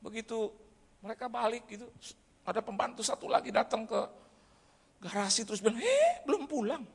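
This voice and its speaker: Male pastor, high gravelly voice, lively sermon storyteller, heard in an echoey church hall. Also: brisk. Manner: animated storytelling, bursts into shouting.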